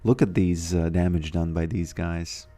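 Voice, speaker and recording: A man from Latvia, streaming a game and chatting casually in a halting way, repeating words and filling pauses. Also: low voice, steady tone, dark tone. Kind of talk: casual live-stream chat.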